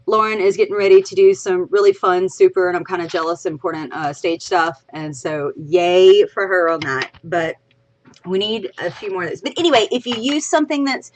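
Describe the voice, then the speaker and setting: A Louisiana woman with a Southern accent co-hosts a casual livestream podcast, her lowish voice moving at normal speed. She's tipsy from drinking, rambling chattily with giggly asides.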